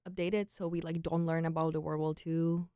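Her voice sits low, warm, clear and resonant, with a level tone at normal speed, recorded dry in a studio. She is a young Czech woman who grew up in Prague and once studied abroad as an exchange student; as an interview guest she tells personal stories casually, with a Czech accent, many "like"s, and quoted thoughts.

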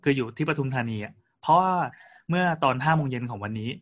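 A man's voice: medium pitch, lively intonation, quick pace. Man telling a story in casual chat. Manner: storytelling with frequent restarts and fillers. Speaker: podcast co-host.

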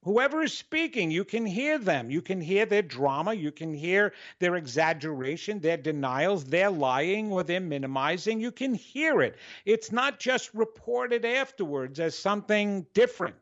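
A man with a New York accent, hosting a radio talk show with an animated, energetic, dramatic way of speaking. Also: sits high, normal speed, few pauses, lo-fi sound. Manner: dramatic, expressive, repeats and restarts. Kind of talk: solo talk monologue.

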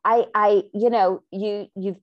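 A woman's voice: takes it slowly, no echo, highs cut off. A middle-aged woman telling her story in an interview, rambling with asides and acting out the quoted dialogue. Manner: animated, acts out quoted dialogue with big pitch jumps. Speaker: guest.

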